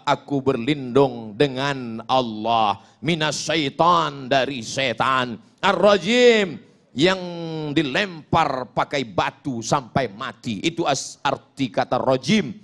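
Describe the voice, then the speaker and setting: A man preaching a lively Islamic sermon, swinging between loud rebuke and quiet asides, joking with the audience. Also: medium pitch, takes it slowly. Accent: Indonesian.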